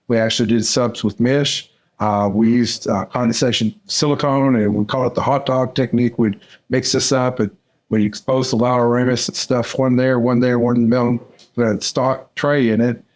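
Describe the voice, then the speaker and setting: An older man from Central Arkansas, a dental surgeon answering podcast interview questions in an unhurried way, with frequent "uh" fillers. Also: mid-range voice, fairly even intonation, a little mellow. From Central Arkansas, USA. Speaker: dental surgeon and course mentor.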